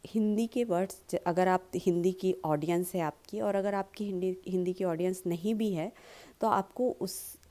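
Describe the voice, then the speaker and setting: A woman with an Indian accent, explaining in a tutorial lesson and slowly stressing sample lines. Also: lowish voice, warm tone. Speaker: public speaking teacher.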